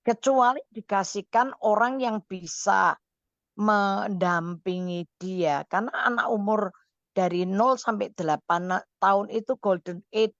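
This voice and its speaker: A woman counselor on a radio call-in show, giving motherly advice in a lively, caring way. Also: medium pitch, unhurried, no echo, lo-fi sound.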